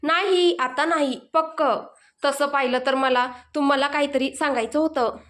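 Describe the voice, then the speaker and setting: Playful innocent young woman, teasing, high voice, read by the narrator; storybook. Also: steady tone, normal speed, fairly bright tone. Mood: pleading. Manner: giggly, teasing.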